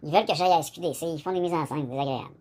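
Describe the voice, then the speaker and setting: Rapid-fire and on the high side, a Québécois-accented man rambles in a casual vlog, speaking directly to his viewer. He meanders and drops "là" frequently, with background noise present.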